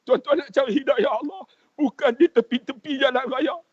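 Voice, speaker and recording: A man's voice: extremely high pitch, moderate pace, a little mellow, no echo. A man, a preacher and pilgrimage guide, telling an emotional religious story and earnestly addressing the host. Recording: dull lo-fi, dry sound.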